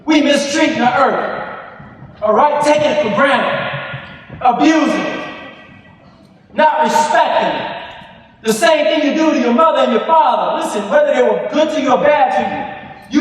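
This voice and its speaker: Shouting high-voiced man in an echoey hall. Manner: preacher-like call and response, keeps asking "Do you hear me?"; often shouts for emphasis. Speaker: youth program founder speaking to students. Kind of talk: impassioned motivational speech. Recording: very echoey hall, voice heard from far off, faint room noise.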